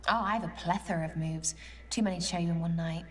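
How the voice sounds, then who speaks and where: A woman's voice: lowish voice, steady tone, fast talker, natural voice. A woman playing a playful, flirty date. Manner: playful, teasing. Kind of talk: live-action dating game scene.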